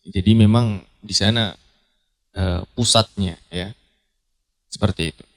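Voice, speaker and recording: A man teaching Quran recitation to a class, talking in a relaxed, repetitive way and often clearing his throat. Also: lowish voice, measured pace. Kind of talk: live tajwid lesson to students. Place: study hall at a training event.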